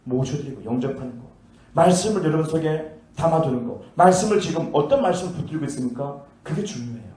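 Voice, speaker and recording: A man's voice: a little high, expressive, fast talker, dark tone. Preaching man in an echoey hall. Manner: storytelling preacher, asks and answers his own questions. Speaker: pastor. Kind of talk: sermon. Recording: echoey hall, mic at a distance.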